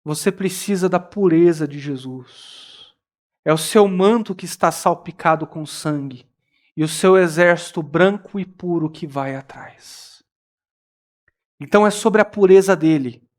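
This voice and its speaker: Brazilian pastor preaching with high, dramatic swings. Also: male voice. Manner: dramatic, acts out quoted voices with rising pitch and shouts; drops to quiet, slow emphasis at key points. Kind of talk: expository sermon. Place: church.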